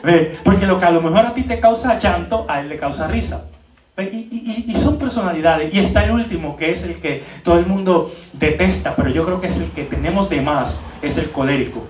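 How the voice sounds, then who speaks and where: A man preaching at a leadership training in a church hall, animated, with many rhetorical questions and repeated words. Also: high-pitched, fairly quick, far from the mic. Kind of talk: church teaching talk.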